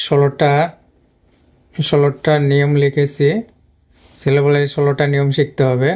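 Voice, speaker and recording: A male English teacher explains a lesson slowly and haltingly, stopping often and repeating words as he points at the board. His voice is smooth and mellow, and his pitch stays flat and even throughout.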